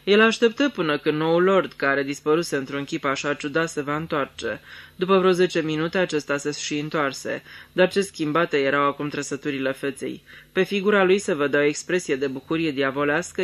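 A man narrating a detective story in a measured storytelling voice. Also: on the high side, a bit bright. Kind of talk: dramatic reading of a detective story.

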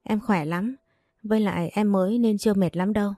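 A woman voicing a polite, gentle young pregnant wife in a read-aloud storybook. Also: mid-range voice, fairly even intonation, a little fast, no room sound, close to an everyday voice. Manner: polite, soft-spoken.

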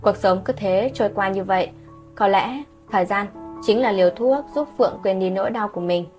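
A woman narrating a scripted late-night story calmly and evenly as the channel's host. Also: medium pitch, brisk, soft background music.

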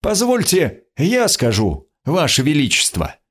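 A man voicing a captured man with a strong, clear, ringing voice, in an audiobook. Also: on the high side, huge pitch swings, a little slow, fairly bright tone, voice pushed up, full character voice. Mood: insistent. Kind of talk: audiobook character voice.

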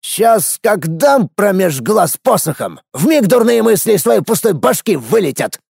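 A cranky old grandfather mage with a high, gravelly, husky voice that swoops up and down as he scolds and mocks, as a male narrator puts him on. The delivery is dry and close, straight into the mic, like a storybook reading. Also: big pitch swings, measured pace, a little mellow, no echo, full character voice. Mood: scolding. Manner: mocking, scolding, drawling folksy speech. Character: grumpy sharp-tongued old grandfather mage.

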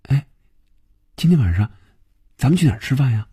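A man's voice: medium pitch, sing-song, a little fast, warm tone, slightly rough, pitched above the performer's own voice. A man voicing a petulant young woman office worker, whiny and coaxing in an audiobook.

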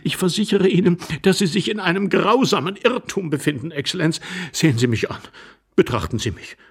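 A man's voice: a little high, expressive, moderate pace, husky, voice pushed up. A man voicing a desperate husband who pleads and stammers with a breaking, sobbing voice. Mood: pleading. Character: pleading, sobbing jealous husband caught in shame.

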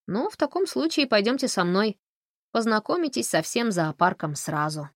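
A woman reading an audiobook, voicing a brisk, wry female sheriff. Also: medium pitch, sing-song, no room sound, studio quality, pitched above the performer's own voice.

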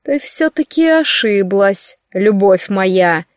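A woman reading an audiobook, voicing an arrogant, cruel young male court sorcerer with slow, mockingly tender speech. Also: mid-range voice, animated, no echo, studio quality.

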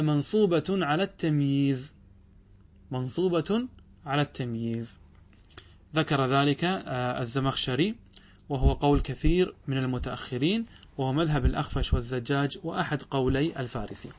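A male teacher working through a grammar text, with a speaking voice a little higher than most men's. He reads each passage slowly and deliberately, then breaks it down in plain classroom talk. He keeps posing questions to his listeners and answering them himself.

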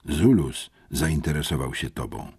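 A man reading an audiobook, voicing a hoarse, embarrassed teenage boy who calmly delivers gang threats. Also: rumbling low, measured pace, no room sound, clean studio sound, full character voice. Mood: calmly menacing. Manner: calm, smoothly menacing. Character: hoarse, sly teenage schoolboy racketeer messenger.

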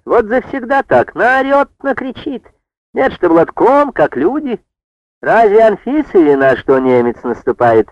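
A man's voice: high voice, very animated, measured pace, dry recording, voice pushed up. A man voicing a talkative village woman who scolds and gossips. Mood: reproachful. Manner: reproachful chatter. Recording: dull dry lo-fi recording.

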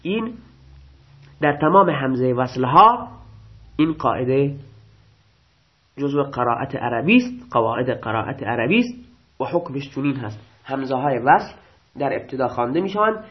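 A man's voice: medium pitch, very animated. Man teaching grammar on a dull recording. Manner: asks and answers his own questions; reads out rules, then restates them slowly. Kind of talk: lecture explaining grammar.

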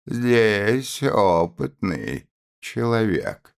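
A man's voice: lowish voice, very animated, very slow, creaky, clear, resonant tone, pitched above the performer's own voice, heavily acted. A man voicing a cold, contemptuous young officer who speaks in curt commands with sneering politeness.

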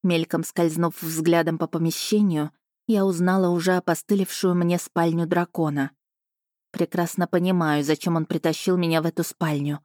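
A woman's voice: fairly low pitch, fairly even intonation, normal speed, a little mellow, dry recording, clean studio sound. Woman narrating a first-person audiobook. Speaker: audiobook reader.

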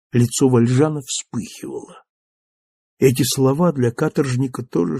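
Gravelly male audiobook narrator. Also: mid-range voice, no room sound. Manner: even, measured storytelling.

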